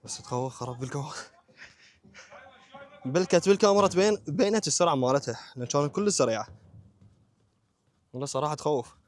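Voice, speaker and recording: A man's voice: a little high, lively intonation, fast, long pauses. A man with an Iraqi Arabic accent narrating a casual vlog, talking informally to viewers and companions in short phrases. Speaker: vlogger.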